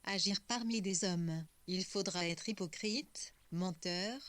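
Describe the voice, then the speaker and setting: A woman's voice: on the low side, slow, a bit bright, dry recording. A woman reading as an ambitious, scheming young man. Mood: calculating. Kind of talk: audiobook reading.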